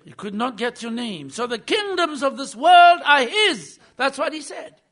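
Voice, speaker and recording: Preaching a sermon as a guest at the pulpit, this non-native English speaker has a ringing, bright, very high voice. His intonation is lively and his pace a little slow, with abrupt loud outbursts for emphasis followed by hushed asides.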